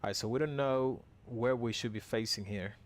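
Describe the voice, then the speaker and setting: A man's voice: mid-range voice, normal speed. Casual man streaming a flight simulator. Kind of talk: casual live gaming commentary.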